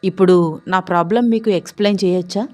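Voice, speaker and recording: A woman's voice: lowish voice, steady tone, fast, darkish tone, natural voice. A woman voicing a bold young male police officer who speaks firmly and seriously. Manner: firm, serious, fearless.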